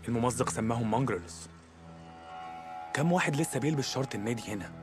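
A man's voice: mid-range voice, fast, music in the background, natural voice. An actor with an Egyptian Arabic accent voicing a taunting male rival biker in a video game, mocking and provoking.

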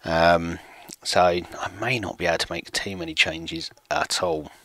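A man's voice: sits low, sing-song, measured pace, fairly bright tone, no echo. A man in his late thirties streaming a football management game, chatting casually and self-mockingly with viewers from a desk at home. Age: 30s. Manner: chatty, self-mocking, reads chat aloud. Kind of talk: casual chat with stream viewers while playing.

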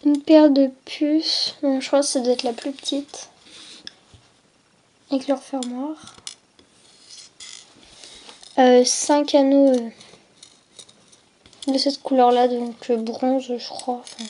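A woman's voice: sits high, fairly even intonation, takes it slowly, long pauses, mellow, a little hiss or hum. A young woman casually showing off a box of craft supplies item by item, hesitant and often trailing into a near whisper. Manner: lists items one by one, often drops to a near whisper; hesitant, with frequent fillers and self-corrections. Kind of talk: casual unboxing vlog.

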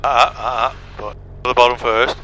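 A man's voice: medium pitch, fairly even intonation, moderate pace. A man giving direct, hands-on flight instruction in short explanatory phrases over a cockpit headset. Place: small aircraft cockpit. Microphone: aviation headset. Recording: aircraft headset intercom, faint engine noise.

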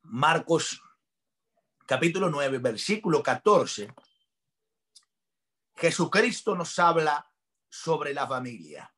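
A male pastor preaching a sermon at an online congress, with impassioned delivery that builds to shouts. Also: a little high, lively intonation, takes it slowly, long pauses.

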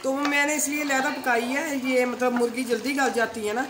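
Middle-aged mom cook, fairly high voice, homely and affirming, kitchen sizzle behind her. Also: fairly even intonation, normal speed, noisy background. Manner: homely, affirming, says "haan ji" often. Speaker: home cook, host's mother. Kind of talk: casual cooking chat. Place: home kitchen. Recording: home kitchen with clear sizzling. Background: frying and stirring in a pot.

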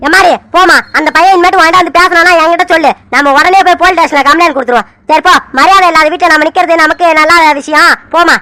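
A woman's voice: very high-pitched, steady tone, quick pace, hardly any pauses, pushed and bright, dry recording. A woman voicing an angry, stubborn old grandfather in a cartoon serial who scolds and barks demands. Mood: scolding. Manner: scolding, keeps barking "ah?" demands.

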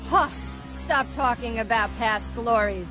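A woman's voice: fairly high pitch, unhurried, lightly acted, poor audio. A woman voicing a scornful, domineering villain in an anime dub, with a sneering manner. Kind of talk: English anime dub acting. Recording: music under the dialogue.

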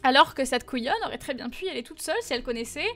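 A woman's voice: high voice, rapid-fire, faint music behind. A young woman streaming live, chatting casually with viewers and answering their messages with lots of fillers. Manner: chatty, animated, frequent fillers and laughs.

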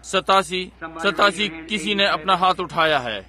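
A man's voice: high voice, measured pace, crowd noise. A man preaching a sermon and praying, talking earnestly and repeating himself, often turning to the congregation with asides. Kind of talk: Hindi sermon and prayer.

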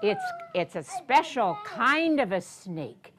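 Indoors in a carpeted library program room, with a noisy background, an American woman in her sixties reads a picture book to young children. Her voice is a little high, sing-song and slow, teacherly in tone, and she keeps the session interactive by frequently asking the kids questions.

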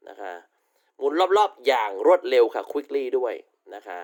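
Speaking at a medium pitch and a measured pace, with a slightly mellow tone, a man teaches vocabulary in a recorded online university English lecture. He affectionately addresses students as "child" and keeps repeating polite tag particles.

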